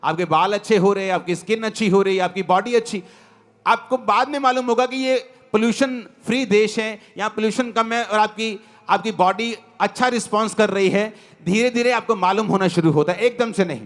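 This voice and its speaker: Man, pastor, sermon, high voice, mixes in English words. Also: a little fast. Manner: preaching Bible stories, mixing in English words.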